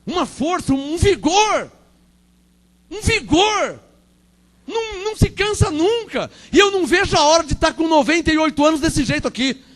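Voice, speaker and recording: A man in his forties with a Brazilian Portuguese accent, preaching a Pentecostal sermon fervently, repeating phrases and swinging between loud proclamation and quiet asides. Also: very high voice, lively intonation, moderate pace. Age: 40s. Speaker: pastor.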